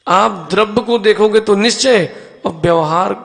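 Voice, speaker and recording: A man's voice: sits high, measured pace, gravelly, fairly bright tone. A male Jain monk gives a teaching sermon in a temple hall. He explains ideas step by step with everyday objects and asks his listeners questions, calling on them by name.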